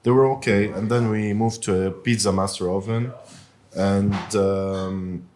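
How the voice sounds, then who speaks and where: A man from Lebanon who owns a pizzeria, talking casually in an interview with many pauses and fillers. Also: lowish voice, fairly even intonation. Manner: hesitant, many fillers, soft-spoken. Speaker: pizzeria owner. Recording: faint background noise.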